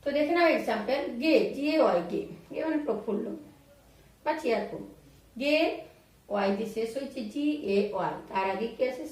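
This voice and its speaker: A woman teaching English grammar in Bengali, spelling out words letter by letter and repeating examples slowly. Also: a little high, animated, a little mellow, recorded from a distance. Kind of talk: explaining grammar rules to students. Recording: very echoey room, voice off-mic.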